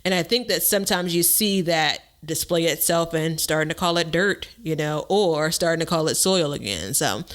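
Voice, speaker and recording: A man's voice: on the high side, moderate pace, few pauses, fairly bright tone. A man hosting a podcast in casual chat, talking in a conversational, discursive way. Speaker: podcast host.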